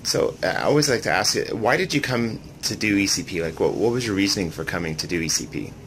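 A man's voice: low voice, animated, fast talker, a bit bright, slight background noise. A man from the clinic staff, asking a patient questions in a friendly, casual way with short acknowledgements. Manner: friendly, with frequent brief acknowledgements.

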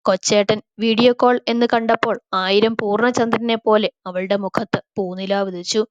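A woman narrating a romantic short story in a calm, even storytelling manner. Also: mid-range voice, moderate pace, a little hiss or hum. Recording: slightly dull, dry recording.

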